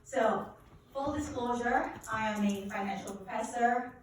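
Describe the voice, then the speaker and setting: A woman from Guyana, giving an energetic money seminar at a church and drawing responses from the audience. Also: a little high, a little slow, slight background noise. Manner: energetic, asks the audience questions, preacherly. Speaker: finance educator speaking at a church event. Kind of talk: live seminar talk with audience call-and-response. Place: large echoey church hall. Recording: echoey hall from far off.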